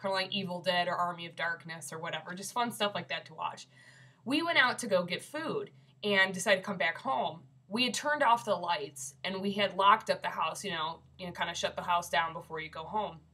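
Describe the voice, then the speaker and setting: Telling a ghost story to her webcam, a young woman from Michigan rambles casually with many fillers for a video submission. She has a mid-range, bright voice with a forceful tone, though it sounds congested and stuffy.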